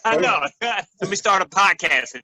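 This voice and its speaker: A man's voice: high-pitched, animated, moderate pace, bright, forceful tone. A man chatting playfully as a guest comedian. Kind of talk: casual chat.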